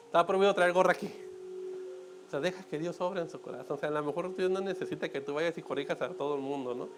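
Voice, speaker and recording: A man with a Mexican accent preaching a conversational sermon in church, with joking asides and frequent checks on his listeners. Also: fairly high pitch.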